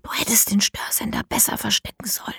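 A woman voicing scheming children in a hushed, hissing whisper, whispered role-play in a storybook. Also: fast, no echo, studio quality, close to an everyday voice.

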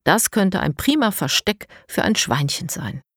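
A woman voicing an excited, curious young boy in a children's audiobook. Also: fairly low pitch, unhurried, husky, no echo, clean studio sound, full character voice. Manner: excited, breathless.

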